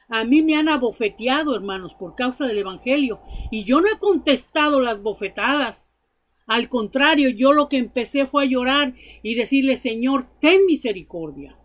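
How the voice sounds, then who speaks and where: High-voiced woman preaching earnestly. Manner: earnest, emphatic storytelling preaching. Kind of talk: sermon.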